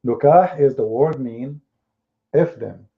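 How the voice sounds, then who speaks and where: A man with an Arabic accent, Arabic being his first language, speaks slowly in a mid-range voice. He argues heatedly in a live debate, firing off mocking rhetorical questions. The audio is lo-fi and sounds like it came through a phone.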